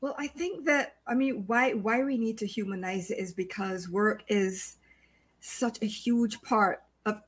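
A woman from Barbados speaking as a panel guest, measured and reflective. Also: mid-range voice, slightly rough. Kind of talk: casual panel discussion.

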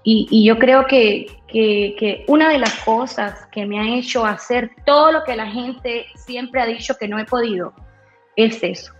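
A woman radio announcer telling her story in an interview, bold and lively, acting out the voices of people she quotes. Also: fairly high pitch, unhurried. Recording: roomy echo, dull lo-fi sound, faint music.

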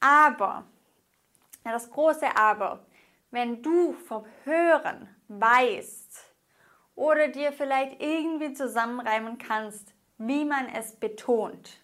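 Woman, Spanish teacher, slow patient explanations, higher voice. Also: a bit bright. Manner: patient, stressing example words slowly. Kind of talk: explaining grammar rules to camera.

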